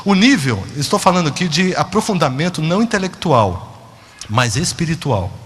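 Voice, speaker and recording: A man preaching a sermon, dramatic, moving between hushed and emphatic. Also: a little high, big pitch swings, normal speed, slightly rough, big-room sound.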